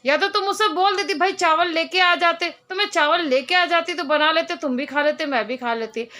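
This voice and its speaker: A woman's voice: sits high, a little fast, sharp tone. A woman vlogger talking casually to her viewers, telling a story in an indignant, complaining way. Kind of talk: casual monologue to camera.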